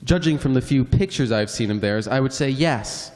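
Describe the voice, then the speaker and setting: A man's voice: medium pitch, normal speed, a little mellow, lightly acted. A man playing a haughty, sarcastic passenger in a radio play, with a dry, pompous manner. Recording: long hall reverb.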